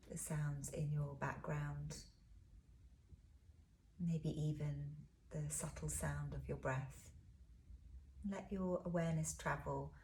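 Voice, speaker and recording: A woman with a deep voice leads a relaxation body scan, gentle and unhurried, her phrase endings soft and breathy. A slight hiss or hum sits under the recording.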